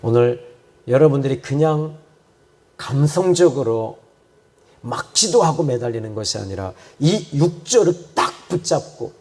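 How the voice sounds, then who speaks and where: A male pastor preaching a sermon and praying, swinging from loud fervent repetition to quiet, low reflection. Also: lively intonation, measured pace. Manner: repeats phrases for emphasis. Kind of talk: sermon with prayer.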